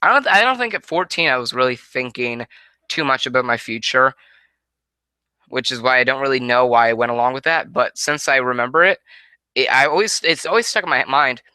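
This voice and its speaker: Brisk and sharp, with a clean medium-pitched tone and a dry recording, a nineteen-year-old man from Connecticut, USA answers viewer questions. It's a casual, rambling Q&A monologue with frequent restarts and self-corrections, captured on a headset microphone in a small indoor room at home.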